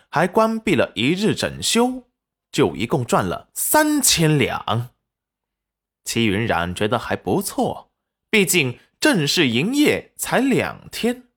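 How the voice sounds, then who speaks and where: A man narrating a serial romance novel in an expressive storytelling manner. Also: medium pitch. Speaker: audiobook narrator.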